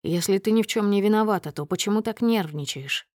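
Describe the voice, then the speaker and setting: A woman narrator plays a young husband who stays calm and resolute. He speaks quietly and evenly, with no theatrics. The audiobook sound is dry and close. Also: medium pitch, a little fast, dry recording, natural voice. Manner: quiet, level, restrained.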